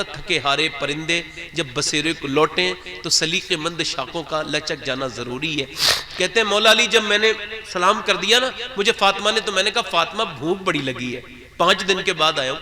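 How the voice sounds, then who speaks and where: A man preaching an emotional religious sermon, his voice swelling toward tearful pleading as he retells scenes to his listeners. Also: a little high. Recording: crowd of listeners behind.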